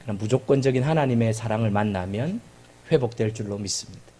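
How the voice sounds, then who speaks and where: A man's voice: on the low side, fast talker, a little hiss or hum. A male pastor preaching a sermon, emphatic and joking, repeating key phrases. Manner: animated and emphatic, with jokes and repetition.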